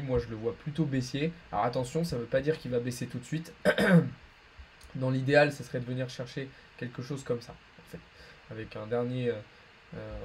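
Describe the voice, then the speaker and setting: A man's voice: medium pitch, slight background noise, low-quality recording. A man hosting a live market analysis stream, chatty and full of fillers and restarts, answering chat questions between chart talk, with a French accent.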